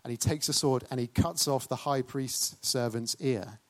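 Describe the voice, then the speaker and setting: A man's voice: medium pitch, normal speed. A man preaching a sermon, questioning and urging the congregation.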